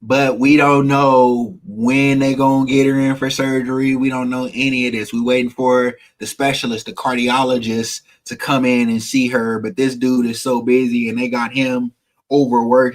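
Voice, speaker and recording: A man vlogging a personal story to viewers, candid and emotional, swearing freely. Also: mid-range voice.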